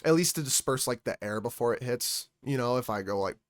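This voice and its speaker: A man's voice: mid-range voice, expressive, a little fast, background noise. A man chatting casually on his stream at home into a music microphone, rambling and trailing off mid-thought. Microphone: studio music microphone.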